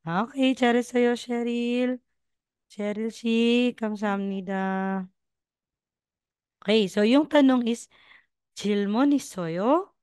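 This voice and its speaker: A woman's voice: fairly high pitch, steady tone, slow pace, pauses often, a little mellow, clean tone, dry recording, studio quality. A woman from the Philippines teaching Korean over a video call, patiently coaching students and repeating sounds. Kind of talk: online class teaching.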